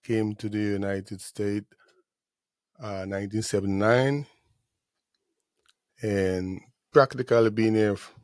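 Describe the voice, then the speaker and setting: A middle-aged man, a musician guest speaking in an unhurried, devout and grateful way in a studio interview. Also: on the low side, steady tone, dry recording. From Guyana.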